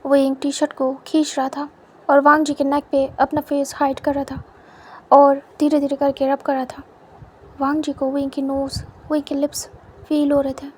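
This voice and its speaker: A young woman narrating a story in a soft, unhurried, intimate way. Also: high-pitched, monotone, a little hiss or hum. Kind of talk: story narration in Hindi with English words.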